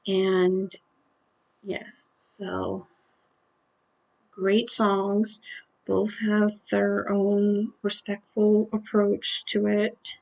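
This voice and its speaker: A woman's voice: medium pitch, completely flat delivery, very slow, vocal fry, long pauses, darkish tone, low-quality recording. A woman hosting a music reaction video, talking through her thoughts in an earnest, apologetic way. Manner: earnest and apologetic, thinking aloud. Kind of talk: casual music reaction commentary.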